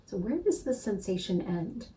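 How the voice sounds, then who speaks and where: A woman spiritual teacher leading a gentle guided practice, soothing and unhurried, often checking in with "right?". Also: mid-range voice, big pitch swings, far from the mic, poor audio.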